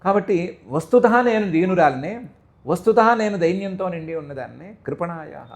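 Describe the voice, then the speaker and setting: A man's voice: high voice, a little fast, creaky. A man giving a devotional scripture discourse, chanting verse phrases and then explaining them through an emotive retelling. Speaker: religious discourse speaker.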